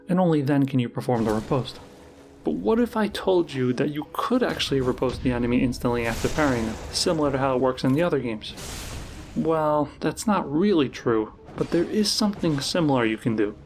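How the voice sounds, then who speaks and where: A man giving measured, explanatory scripted narration for a countdown-style video of game trivia. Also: medium pitch, a little mellow, slight background noise. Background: background music.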